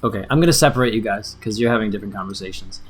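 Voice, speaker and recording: A man's voice: fairly low pitch, racing, slightly rough. Casual male game master over faint music. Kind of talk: improvised tabletop game narration, casual.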